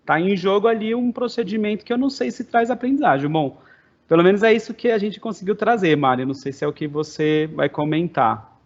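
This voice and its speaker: A man's voice: high-pitched, brisk, muffled recording. A man taking part in a lecture for educators, explaining ideas in a thoughtful, hedging way. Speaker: participant educator.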